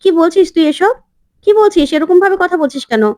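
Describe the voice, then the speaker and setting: A woman's voice: extremely high pitch, lively intonation, a little fast, no echo, studio quality, voice pushed up. A woman voicing a jealous young man who plots in secret and feigns concern. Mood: feigned shock.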